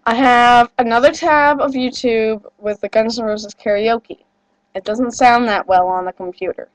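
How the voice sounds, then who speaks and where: A teen vlogger rambles at her webcam with a slightly high, steady voice at moderate pace, a touch nasal after a cold, chatty and self-deprecating with constant fillers and apologies. She's in a small wood-paneled bedroom, recorded through the built-in mic: low quality, no echo.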